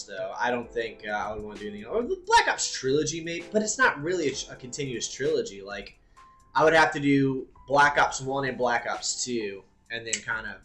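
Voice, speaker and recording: Thinking aloud as he goes, this live-stream host talks in a relaxed way and swears now and then. His voice sits in the middle range.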